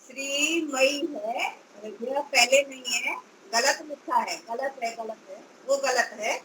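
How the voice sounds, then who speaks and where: A woman's voice: sits high, takes it slowly, fairly bright tone, slight background noise, low-quality recording. A woman teaching Sanskrit pronunciation, drawing out syllables and patiently correcting her student. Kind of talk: pronunciation lesson.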